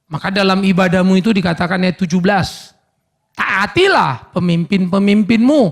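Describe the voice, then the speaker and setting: Man, pastor, sermon, gravelly, high voice, animated, church service. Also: quick pace. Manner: animated preaching, acts out everyday dialogues.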